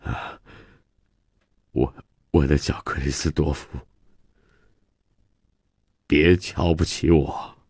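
A man's voice: deep voice, expressive, very slow, no room sound, clean studio sound, heavily acted. A man voicing an ashamed, drunken middle-aged father who mumbles and pleads hesitantly. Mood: pleading.

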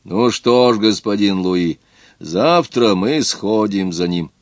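A man's voice: fairly low pitch, expressive, slow pace, no room sound. A man reading the part of a stubborn, plain-spoken, superstitious peasant in an audiobook.

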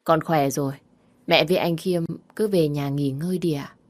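A woman's voice: low-pitched, steady tone, moderate pace, lightly acted. A woman voicing a scheming, vengeful young woman in a narrated story. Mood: meek.

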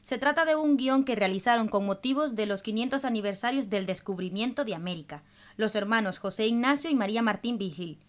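A Salvadoran woman hosts a radio programme, her voice on the high side with lively intonation and a brisk delivery. She explains things in a didactic, scripted manner as part of a radio presentation done in dialogue.

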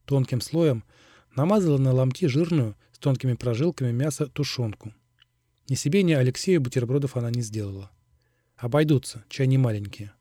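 A man narrating an audiobook in a steady, even reading. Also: mid-range voice, brisk, no echo, clean studio sound. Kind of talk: scripted narration.

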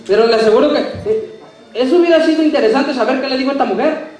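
A man's voice: extremely high pitch, fast talker, far from the mic. Male preacher ringing through an echoey hall. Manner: swings between soft asides and loud emphatic preaching, asks the audience questions.

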